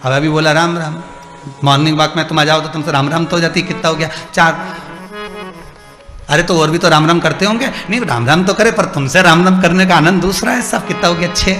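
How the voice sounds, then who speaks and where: An emphatic male preacher tells devotional stories before a live audience, switching between speaking voices for the characters. His voice is bright and forceful, fairly high for a man. The recording echoes in a large hall with faint music underneath. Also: fairly quick. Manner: emphatic, acts out dialogue, asks the crowd. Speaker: katha preacher. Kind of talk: devotional sermon storytelling.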